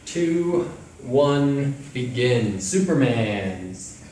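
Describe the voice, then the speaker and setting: A man's voice: medium pitch, animated, drawn-out words, dark tone, slight background noise. A man hosting a live workout, calling out timings and asking trivia questions in casual chat. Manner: calls out exercise timing between trivia questions. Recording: echoey room, mic at a distance.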